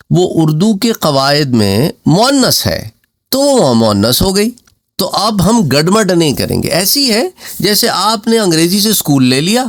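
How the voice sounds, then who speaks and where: Scholar, middle-aged, animated teaching voice, dry close sound, patient explainer. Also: male voice, fairly high pitch, no room sound. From Pakistan. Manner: explains patiently with examples, drawn-out recitation. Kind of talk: explanatory religious lecture.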